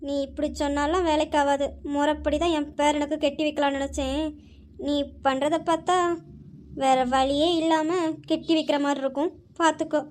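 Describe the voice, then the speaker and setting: A woman's voice: high voice, flat delivery, normal speed, a little mellow, lightly acted. A woman voicing a domineering old grandmother who hands out commands and looks down on her servant. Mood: imperious. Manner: commanding, dismissive orders. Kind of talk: Tamil audio drama.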